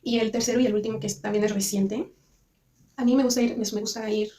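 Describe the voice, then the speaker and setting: A young woman with a Mexican accent rattles through a personal story at a very fast clip, restarting her sentences and circling back in a chatty, rambling way. Her voice sits a little high and sounds dark and mellow. She is set back somewhat from the microphone. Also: steady tone, recorded from a distance, a little hiss or hum. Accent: Mexican Spanish. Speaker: vlogger. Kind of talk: casual storytime monologue.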